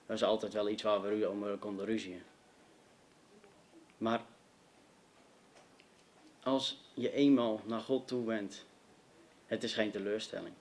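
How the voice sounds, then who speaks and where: A man's voice: lowish voice, steady tone, measured pace, long pauses. A young man giving an earnest personal testimony to a youth meeting, speaking directly and emphatically to his listeners.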